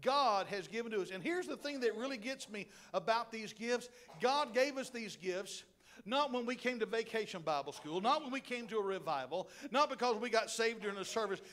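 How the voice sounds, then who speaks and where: A middle-aged male pastor delivers a sermon to his church. His voice sits very high for a man. He preaches in an animated, joking way and often turns to the people in the pews. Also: moderate pace. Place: church sanctuary.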